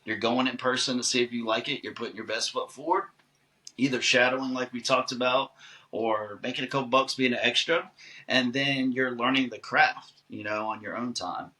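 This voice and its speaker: A man who is an actor, answering podcast questions in a relaxed, chatty and long-winded way. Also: mid-range voice, normal speed, rough recording. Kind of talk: casual podcast conversation.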